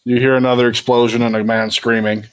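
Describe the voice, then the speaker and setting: A man's voice: medium pitch, little pitch movement, fast talker, clear, resonant tone, poor audio. A man improvising narration as game master of a tabletop game in a casual style.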